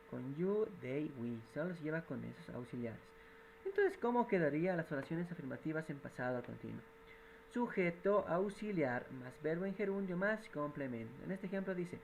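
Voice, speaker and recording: A man's voice: fairly high pitch, a little hiss or hum, rough recording. Patient man teaching grammar rules. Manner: patient, repeats and translates each example. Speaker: English teacher.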